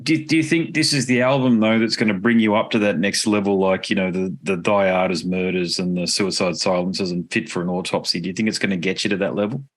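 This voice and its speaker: A man's voice: low voice, steady tone, fast talker, few pauses. An Australian man working as a music interviewer, chatting in an informal, matey way. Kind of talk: casual interview chat.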